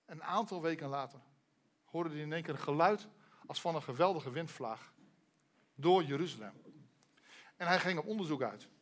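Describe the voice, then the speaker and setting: Male preacher, fairly high voice, earnest storyteller, slows down on key names, trails off low and soft. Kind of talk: sermon, retelling a Bible story.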